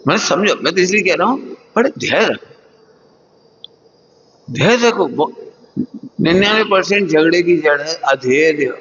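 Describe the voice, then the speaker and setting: A man giving a morning religious sermon to students, teaching with lively, acted-out scoldings and frequent chuckles. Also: measured pace, long pauses, slight background noise. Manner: lively, acts out scoldings with sudden high jumps; chuckles often while teaching. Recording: echoey hall, dull lo-fi sound.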